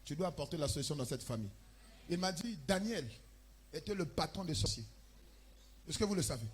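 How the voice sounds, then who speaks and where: A man with a Congolese French accent preaching a sermon as pastor, with loud emphatic bursts and chanted lines. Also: a little high, animated, a little fast, a little hiss or hum. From Republic of the Congo. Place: church.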